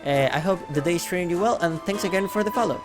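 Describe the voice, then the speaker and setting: A man's voice: high-pitched, fast talker. A man streaming a game, chatting casually in a hesitant way with frequent stammers. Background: game music.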